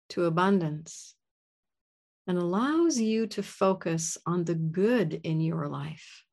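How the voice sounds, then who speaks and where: A woman leading a guided gratitude meditation in a soft, soothing voice. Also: lowish voice.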